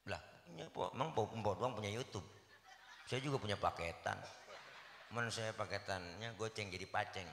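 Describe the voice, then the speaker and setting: A man's voice: fairly low pitch, normal speed, fairly bright tone, a little hiss or hum. A man giving a comic sermon, joking in punchy playful asides. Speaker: preacher. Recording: echoey live hall recording.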